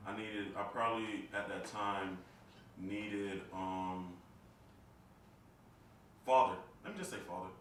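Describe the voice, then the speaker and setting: A man with a very deep voice talks on a casual podcast, searching for his words with frequent fillers. He sits far from the mic in a very echoey room, with a faint hiss behind him. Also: fairly bright tone. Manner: halting, thinks aloud with fillers.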